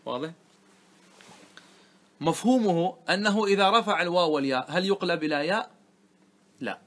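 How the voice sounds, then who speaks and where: A man's voice: high-pitched, a little fast, fairly bright tone. A man, a religious scholar, teaching a grammar lesson to a class, often quizzing his students and repeating the key points.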